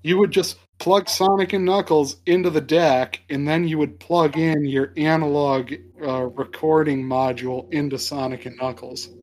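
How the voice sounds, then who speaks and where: A man's voice: on the high side, fairly even intonation, moderate pace, hardly any pauses, darkish tone. A man who works as an engineer, chatting casually on a podcast with wry humor.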